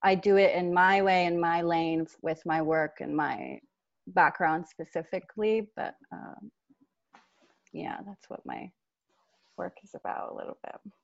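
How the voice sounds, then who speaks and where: A woman's voice: lowish voice, fairly even intonation, a little slow, vocal fry, no room sound. A woman from Iran, an artist, introducing herself on a panel in a thoughtful way, searching for her words. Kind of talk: roundtable introduction. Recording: dull lo-fi audio.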